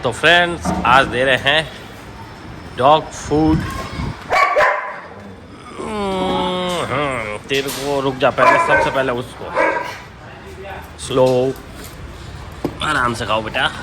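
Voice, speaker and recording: Hoarse man calling sharp commands to dogs. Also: mid-range voice, slow, pauses often. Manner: sharp loud commands to dogs between calm explanation. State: hoarse from a sore throat. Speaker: dog trainer. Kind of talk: casual vlog narration while handling dogs. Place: outdoors at a dog hostel. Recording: noisy outdoor recording with barking dogs. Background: dogs barking.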